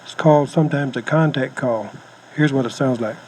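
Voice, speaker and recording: This American man, speaking with medium pitch and a darkish tone, moves briskly through folksy, plainspoken hunting advice. It's an informal lesson captured on a noisy homemade cassette recording.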